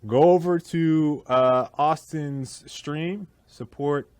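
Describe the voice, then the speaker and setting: A man's voice: on the high side, slow pace, no room sound. Guy hosting a game dev stream, laid back, answers chat questions, dry close sound. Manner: relaxed, reads out chat questions and answers them. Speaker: developer stream host. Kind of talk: casual livestream chat.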